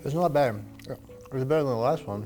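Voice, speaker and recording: An easygoing man in his oral surgery office chats through a hot wings challenge, ending thoughts with a casual "right?". He is clearly feeling the burn of the spicy food, and faint music plays behind him. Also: medium pitch, normal speed, a little mellow. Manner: easygoing, tags lines with "right?". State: suffering from spicy food heat. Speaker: oral surgeon, show host.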